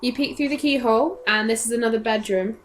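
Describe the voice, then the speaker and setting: A woman narrating a tabletop game as game master, describing a scene in a careful way and pausing to search for words. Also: a little high, slight background noise.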